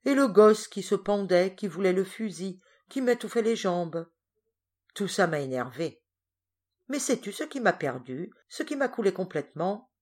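A woman's voice: mid-range voice, lively intonation, moderate pace, darkish tone, lightly acted. A down-on-his-luck male crook grumbling to his partner in slangy, self-mocking complaints, as a woman narrator puts him on. He rants in bursts, rueful and sore at himself, in a storybook reading. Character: grumbling male thief, dejected and gruff.

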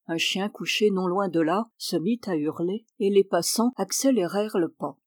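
Give me a woman reading a story, measured and expressive, in a dry close room. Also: medium pitch, no room sound. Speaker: narrator.

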